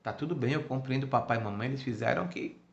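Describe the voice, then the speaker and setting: A man voicing a casual, warm-hearted older brother with a Bahian accent and relaxed, slangy speech. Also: mid-range voice, fast, vocal fry, a little hiss or hum, lightly acted. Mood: moved. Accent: Bahian Portuguese. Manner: relaxed and colloquial, local slang. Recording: echoey room, muffled sound.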